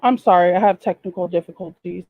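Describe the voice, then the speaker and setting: A woman speaking as a panel guest over a video call, her audio corrupted, glitchy and cutting out, talking in a halting way with many fillers. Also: on the low side, narrow, tinny audio. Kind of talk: casual chat.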